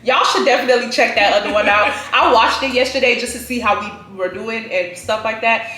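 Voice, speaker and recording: A woman's voice: fairly high pitch, a little fast, pushed and bright, roomy sound, low-quality recording. A woman of twenty-five hosting a casual chat, talking straight to her viewers. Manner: chatty, addresses viewers directly. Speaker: host.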